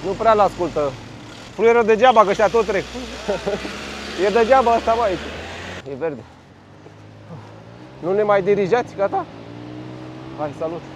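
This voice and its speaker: Cycling vlogger, male, high voice, blunt and sweary, faint traffic hum behind. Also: pauses often. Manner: loud, blunt, swears freely at other road users. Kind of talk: casual running commentary while riding. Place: outdoors on city streets in traffic.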